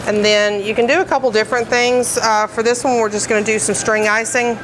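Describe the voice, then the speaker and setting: Noise fills the background of this commercial kitchen as a woman demonstrates cake decorating for trainees. She talks a little fast in a voice on the high side, with fairly even intonation, keeping her instructions plain and practical and peppered with fillers.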